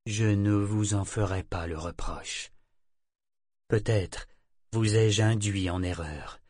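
A man voicing an ancient male sea serpent, troubled and bitter, speaking slowly and weightily in a storybook reading. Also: fairly low pitch, no echo, clean studio sound.

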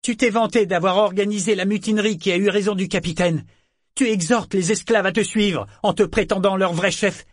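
A man voicing a fierce woman pirate who speaks coldly and gives sharp orders, in a dry studio reading. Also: a little high, fairly quick, no echo, pitched above the performer's own voice, close to an everyday voice. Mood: commanding. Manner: cold, sharp, commanding.

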